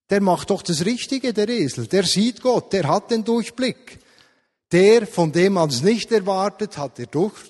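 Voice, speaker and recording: A man's voice: fairly high pitch, a little mellow, long reverb tail. A middle-aged man preaching a sermon, retelling a story and asking the congregation questions in a conversational way.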